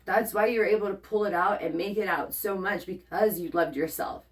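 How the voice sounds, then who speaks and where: Woman tarot reader, casual and profane, middle pitch, sits back from the mic. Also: normal speed. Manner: blunt and profane, checks in with "okay?" often. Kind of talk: casual spoken tarot reading to the viewer. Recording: voice a bit far from the mic.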